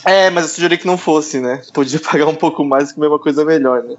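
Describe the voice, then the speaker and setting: A man's voice: fairly high pitch, fast talker, lo-fi sound, faint music behind. A man telling an embarrassing story in casual chat, playful and self-mocking.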